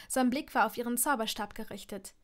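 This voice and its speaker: A woman narrating a fan-fiction audiobook in calm, even storytelling. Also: on the high side, brisk.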